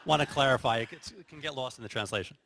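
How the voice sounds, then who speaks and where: A man's voice: mid-range voice, rapid-fire, vocal fry, a bit bright, slight background noise. A man, a venture capital investor, moderating an onstage fireside chat in an affable, joking manner. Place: conference stage before an audience.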